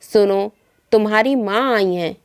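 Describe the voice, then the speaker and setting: A woman voicing a sharp-tongued young daughter-in-law in a storybook tale, curt and dismissive in her replies. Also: medium pitch, a little slow, smooth, lightly acted.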